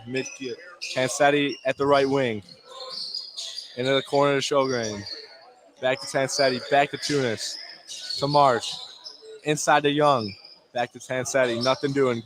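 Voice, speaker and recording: A man with a medium-pitched, steady voice calls a high school basketball game live on radio at a moderate pace, using short, clipped, terse phrases. The indoor gym's background noise comes through clearly.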